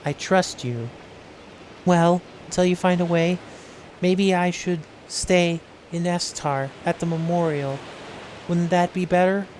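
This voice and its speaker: A man voicing a gentle young woman heroine in his own voice, reading game dialogue in an earnest, soft way. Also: high voice, takes it slowly, a little hiss or hum, low-quality recording.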